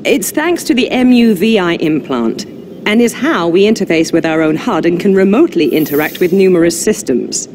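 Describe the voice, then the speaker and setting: An actress playing a bossy, sharp-tongued female superior in a video game, with a commanding, brisk manner. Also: lowish voice, lively intonation, a little hiss or hum, lightly acted. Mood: brisk, instructive. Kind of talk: video game character acting.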